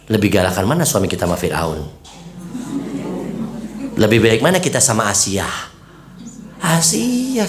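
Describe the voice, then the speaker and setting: Man preaching, pitch leaping up and down, echoey hall. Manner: lively, swings pitch high to stress points, acts out little scenes. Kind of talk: informal sermon to women's study group. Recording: echoey room.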